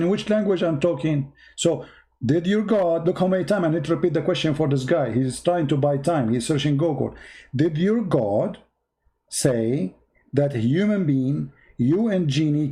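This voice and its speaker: Mellow and fairly high in pitch, this man's voice belongs to a debate show host whose native language is Arabic. He runs a heated live debate call, ridiculing the caller and hammering him with one question after another.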